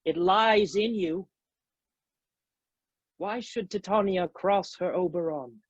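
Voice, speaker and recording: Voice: medium pitch, slow pace, slightly rough, dry recording, highs cut off. An actor playing a jealous, imperious fairy king in declamatory Shakespearean stage style. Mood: accusing, coaxing.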